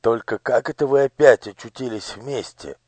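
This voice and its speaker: A man voicing a kind, easygoing old coachman in an audiobook, speaking calmly. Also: mid-range voice, moderate pace, husky, no room sound, voice pushed up, natural voice.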